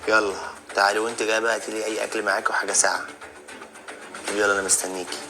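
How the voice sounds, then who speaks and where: A man's voice: on the low side, flat delivery, racing, natural voice. A man with an Egyptian accent playing a cheating husband in a short skit, scheming and talking aloud to himself. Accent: Egyptian Arabic. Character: cheating husband plotting behind his wife.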